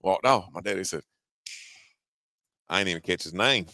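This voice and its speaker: A man in his forties with a Georgia Southern accent tells a story with folksy, animated energy, laughing at himself along the way. His voice sits fairly low, and the recording is close and dry. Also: normal speed, dry recording. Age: 40s. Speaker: co-host. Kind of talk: casual storytelling on a sports talk show.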